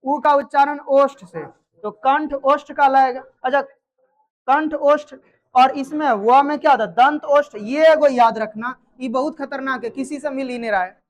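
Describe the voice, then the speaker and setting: High-voiced woman teaching grammar. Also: fairly even intonation, measured pace. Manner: quizzes students, repeats answers, checks understanding. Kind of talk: live classroom lesson.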